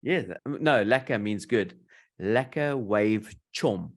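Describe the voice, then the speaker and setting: A man's voice: fairly low pitch, animated, takes it slowly. A man with a South African English accent hosting a casual interview, playfully teaching slang. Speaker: host.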